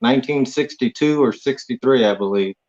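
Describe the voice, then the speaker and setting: A man's voice: medium pitch, fairly quick, darkish tone. A man from Hawaii, a guest on a chat show, talking in a laid-back, plain-spoken way with short answers. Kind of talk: casual interview chat. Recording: dull lo-fi audio.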